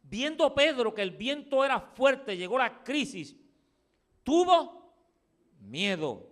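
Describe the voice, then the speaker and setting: A man preaching a sermon on the radio as a pastor, swinging between loud, emphatic cries and quiet, low musing as he acts out Bible dialogue. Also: lively intonation, measured pace. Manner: acts out quoted Bible dialogue with dramatic voices. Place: radio studio or church pulpit.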